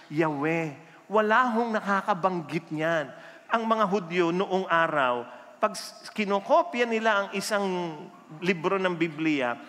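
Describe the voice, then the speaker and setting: A man preaching a sermon, telling jokes in an animated storytelling way and mixing Filipino with English. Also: on the high side. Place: church hall. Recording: reverberant hall.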